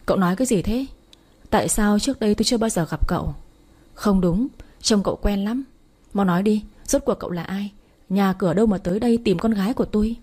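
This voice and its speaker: A woman's voice: medium pitch, quick pace, dark tone, breathy edge, close to an everyday voice. A woman reading the part of a worried, stern middle-aged mother who scolds her daughter. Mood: suspicious. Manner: scolding, reproachful. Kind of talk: audiobook story reading.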